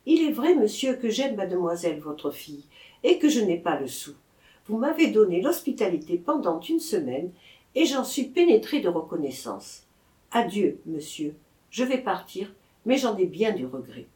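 A woman's voice: medium pitch, big pitch swings, moderate pace, mellow, natural voice. A woman reading a lovesick young abbé. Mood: sorrowful. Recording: echoey room.

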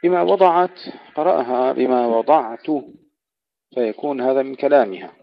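A man teaching Quran recitation rules, explaining variant readings and slowing down to recite example verses. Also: medium pitch, creaky. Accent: Arabic. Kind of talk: tajweed lesson with recited verses. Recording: dull, dry lo-fi audio.

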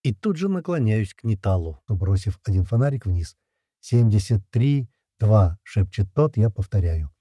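A man's voice: lowish voice, sing-song, moderate pace, few pauses, warm tone, no room sound. A man narrating a first-person audiobook in a tense, gritty storytelling manner.

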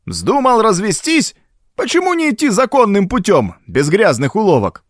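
A man doing a raging, shrill old man. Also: wildly swooping pitch, moderate pace, dry recording, studio quality, heavily acted. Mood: enraged. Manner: shouting, spitting insults. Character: furious belligerent old man, quick-tempered.

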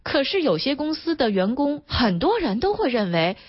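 A woman hosting a radio talk show, speaking. She chats along easily, swooping her pitch as she tosses rhetorical questions to the audience. The sound is a dry studio with a slightly dull broadcast tone. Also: very animated, normal speed, slightly rough, no room sound. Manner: chatty, rhetorical questions to listeners. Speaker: radio host.

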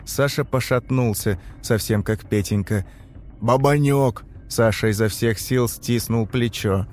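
A man giving a scripted, grim, measured narration of a dark story. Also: on the low side, fairly even intonation. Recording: faint music under the voice.

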